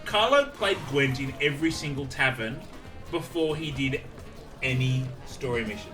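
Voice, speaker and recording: A man's voice: mid-range voice, animated, moderate pace, recorded from a distance, music in the background. Teasing man on a gaming stream. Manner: teasing, joking storyteller. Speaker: co-host. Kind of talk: casual gaming stream banter.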